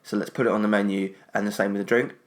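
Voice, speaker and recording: A man's voice: fairly low pitch, flat delivery, rapid-fire. A man co-hosting a podcast from his lounge, chatting casually and laughing often. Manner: chatty, laughs often, jokey put-on posh voice at times. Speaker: podcast co-host. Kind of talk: casual chat. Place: home lounge.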